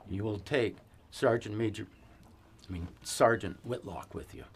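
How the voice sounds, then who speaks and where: An actor playing a weary cavalry fort commander in a western film, giving measured, authoritative orders. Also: male voice, fairly low pitch, breathy edge. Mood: stern. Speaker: army post commander.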